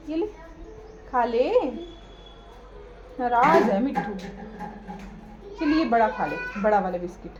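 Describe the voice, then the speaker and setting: Woman, very high voice, sing-song coaxing pet talk, noisy home recording. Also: highs cut off. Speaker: mother and pet owner. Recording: background noise.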